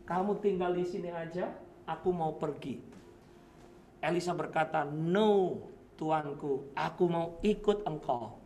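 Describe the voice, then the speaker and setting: Man, pastor, fiery sermon delivery, high voice, faint room hum. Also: measured pace. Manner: animated, shouts at climaxes, mixes English phrases. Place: church sanctuary.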